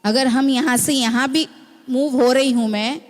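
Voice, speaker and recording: High-voiced woman preaching in a church hall. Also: measured pace. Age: young adult to middle-aged, mother of a small child. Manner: teaching, asks the congregation "है ना?" often. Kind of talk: sermon. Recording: long reverb of a church hall.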